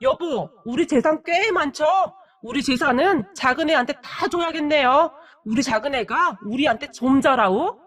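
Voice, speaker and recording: A woman's voice: high-pitched, animated, normal speed, few pauses, a bit bright. Woman reading a blunt, stern older mother-in-law. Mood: scolding. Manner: curt, scolding.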